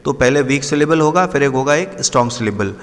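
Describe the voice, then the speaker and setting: A man teaches literary terms in a patient, explanatory way. He reads each English definition out very slowly and checks in often with his students. His mid-range voice carries a long, ringing hall reverb. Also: medium pitch, expressive. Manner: slows down sharply to read English definitions; repetitive, checks in often with the listener. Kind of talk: explanatory lesson.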